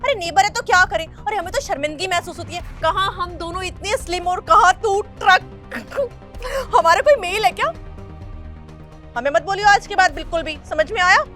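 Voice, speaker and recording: A woman's voice: extremely high pitch, expressive, moderate pace, bright, forceful tone, faint music behind, exaggerated voice. A woman playing a rude, snobbish mother who mocks and bosses people in a bossy, scornful manner. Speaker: actor in a comedy sketch.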